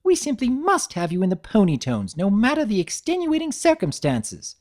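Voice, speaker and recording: In a dramatic audiobook reading at normal speed, a woman performs a prim, theatrical unicorn seamstress whose voice rises high and sweeps broadly, emphasizing each refined phrase. The character gushes, with lively, swooping storybook inflection.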